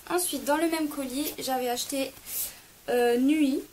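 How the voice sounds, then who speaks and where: On camera, a young woman goes through her latest book haul in a relaxed, chatty way, pausing frequently and fixing her own words on the fly. Her voice is slightly high with a darkish quality, and the rough audio has a faint background hiss.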